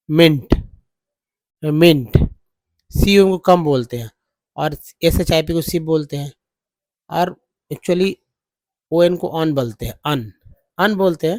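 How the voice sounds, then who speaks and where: A man teaching English pronunciation on a whiteboard, explaining slowly and repeating words for practice. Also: a little high, a little mellow, dry recording.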